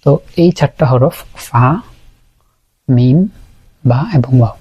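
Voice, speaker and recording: A man's voice: mid-range voice, takes it slowly, warm tone, husky, dull audio. A man teaching Quran pronunciation in a lesson, patiently repeating each sound to show it. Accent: Bangladeshi Bengali. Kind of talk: explanatory lesson.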